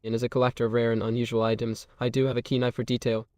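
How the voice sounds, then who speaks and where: Brief: a man doing a courteous, inquisitive curio collector in a game, flat even delivery, dry close sound. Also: mid-range voice, very fast, no room sound, close to an everyday voice. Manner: formal, courteous, keeps asking questions. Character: polite, nosy male collector of oddities. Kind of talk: game character dialogue.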